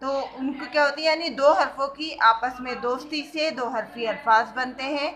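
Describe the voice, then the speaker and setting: Woman teacher, high bright voice, patient, spells letters slowly. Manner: slow, patient, spells out letters and asks questions. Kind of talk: kindergarten Urdu writing lesson.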